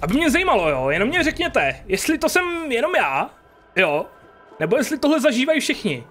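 Chatty gamer guy, high voice that jumps all over, cusses at enemies, faint game music under it. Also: huge pitch swings, bright, forceful tone. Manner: chatty, joking, swears at enemies. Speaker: gaming youtuber. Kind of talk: casual let's play commentary.

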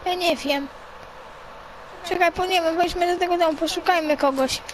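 A woman's voice: extremely high pitch, steady tone, normal speed, a little hiss or hum, rough recording. A woman voicing a puzzled young son in a fan game role-play, confused and questioning.

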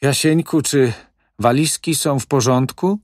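A man voicing an anxious, fretful old woman in an audiobook, speaking in a soft, pleading way and pitching his voice up. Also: a little slow, dry recording, studio quality, natural voice.

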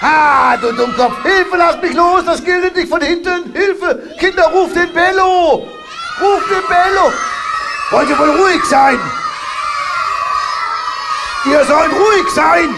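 A man's voice: extremely high pitch, takes it slowly, pauses often, over a noisy crowd, heavy background noise, full character voice. A man playing the cheerful, brave Kasper puppet hero, calling out to the children in a live puppet show. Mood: alarmed. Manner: bright, lively, calls out to the children. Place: puppet stage before a live audience.

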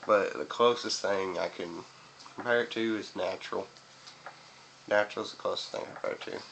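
A young video reviewer with a deep, creaky, fairly bright voice speaks at a moderate pace, chatting casually to camera. With chewing tobacco in his mouth, he rambles and swears. The noisy, webcam-style recording comes from a small indoor room by a window.

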